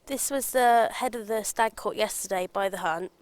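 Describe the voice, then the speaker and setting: A woman's voice: medium pitch, moderate pace, dry recording. A woman giving an informal, matter-of-fact spoken explanation.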